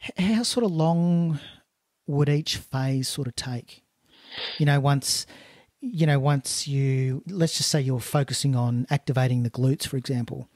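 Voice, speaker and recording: A man's voice: mid-range voice, a little slow, a little mellow, no room sound, clean studio sound. A man hosting a casual interview, asking questions tentatively and rephrasing them as he goes. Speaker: podcast host.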